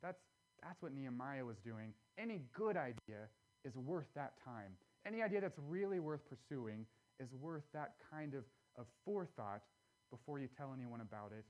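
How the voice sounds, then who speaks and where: A man preaching a sermon in a church, conversational and earnest, with animated asides. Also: medium pitch, moderate pace. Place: church sanctuary.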